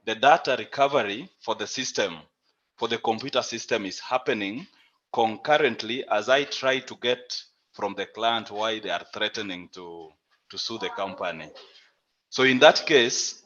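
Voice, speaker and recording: A man taking part in a training session, reasoning aloud in a deliberate, explanatory way. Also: mid-range voice, a bit bright. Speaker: workshop participant. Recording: dull, lo-fi online call audio.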